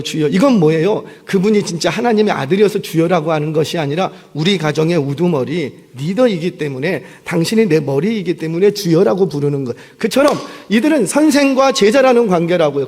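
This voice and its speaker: A pastor delivers a sermon in a church sanctuary, his voice pitched high for a man and swinging widely as he preaches. He keeps asking the congregation questions, then answers them himself. His words ring out with the long reverb of a large hall. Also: a little mellow. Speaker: senior pastor.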